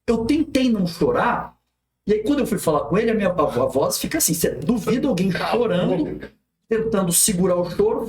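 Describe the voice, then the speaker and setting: Fast, animated man telling a story. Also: sits high. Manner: animated, vivid storytelling with many restarts. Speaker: guest. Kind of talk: storytelling in a podcast interview. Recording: roomy echo.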